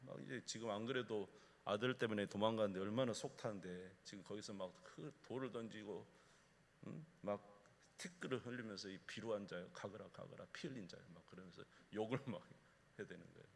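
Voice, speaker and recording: A man's voice: lowish voice, brisk, creaky, a little hiss or hum. A male pastor preaching a sermon, emphatic and often asking the congregation questions. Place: church sanctuary. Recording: echoey church hall.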